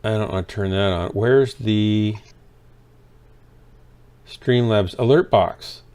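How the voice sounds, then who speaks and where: A man's voice: lowish voice, takes it slowly, a little mellow, smooth, no room sound. A man hosting a live game stream, chatting casually in a joking, drily teasing way. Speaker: streamer and host.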